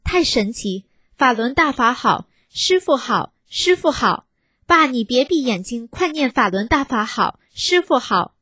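A woman voicing a grown daughter who cries out excitedly in a high voice. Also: a little slow, husky, no room sound, studio quality, exaggerated voice. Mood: elated. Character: elated grown daughter crying out praise.

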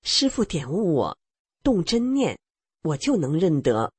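A middle-aged woman with a low, very husky voice narrates her own testimony at an unhurried pace. Her pitch moves a lot as she acts out the lines of the people in her story. The recording is dry, with no room sound. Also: very animated, dark tone, no echo. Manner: plain storytelling, acts out quoted dialogue. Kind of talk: read-aloud personal testimony.

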